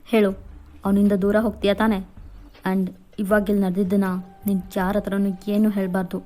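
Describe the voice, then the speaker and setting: A woman's voice: medium pitch, flat delivery, moderate pace, dark tone, soft background music, lightly acted. A woman voicing a ruthless, domineering rich father who coldly threatens a young woman in a fan fiction voiceover. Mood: menacing.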